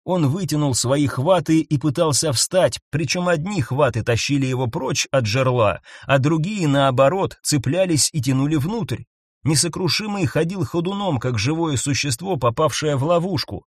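A man narrating a science-fiction audiobook in a tense, measured reading style, recorded close to the mic. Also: a little high, lively intonation, slightly rough, no echo.

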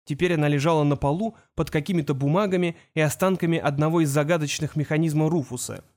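A man narrating a fantasy novel aloud at a steady, measured pace. His voice sits somewhat higher than the usual male range. He reads calmly and evenly, as scripted storytelling. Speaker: audiobook narrator.

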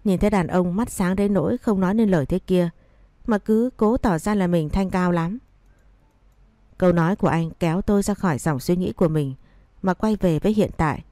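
Low, mellow-voiced woman storyteller. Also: brisk, no echo. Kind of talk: first-person story narration with character dialogue.

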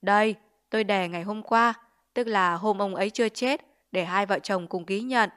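Woman doing a male village chief, greedy, bullying, sneering, loud. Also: mid-range voice, normal speed, clear, resonant tone, natural voice. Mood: sly. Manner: blustering, sneering, extorting.

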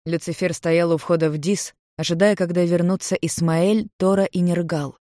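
A narrator reading a fantasy story aloud with a plain, middle-pitched voice. The sound is dry and close, with no room around it. The reading stays steady and even. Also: normal speed, dry recording.

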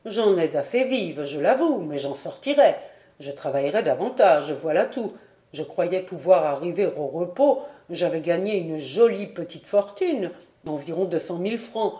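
A woman's voice: lowish voice, expressive, warm tone, echoey room, close to an everyday voice. A woman voicing a breezy, proud middle-aged painter father in a storybook reading. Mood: consoling. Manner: light, brisk, then cold and clipped.

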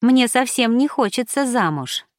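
A woman reading an audiobook, voicing a cheerful, playful and stubborn young noble lady in a bright, lightly teasing way. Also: on the high side, expressive, a little slow, no echo, clean studio sound, pitched above the performer's own voice.

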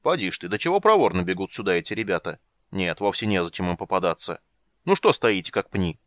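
An eccentric old wizard, cranky and absent-minded, who fusses and scolds everyone around him, as a male reader puts him on. The voice sits fairly low with a dry, close sound. This is storybook narration for an audiobook. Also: animated, fast, fairly bright tone, dry recording. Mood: bossy. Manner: muttering, scolding, fussy. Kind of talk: audiobook reading.

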